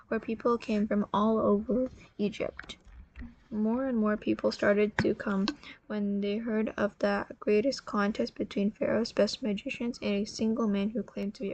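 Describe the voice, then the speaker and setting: A tired woman telling a religious story in a casual, halting way, often correcting herself. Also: mid-range voice, darkish tone, muffled recording, a little hiss or hum. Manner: halting, self-correcting, apologetic.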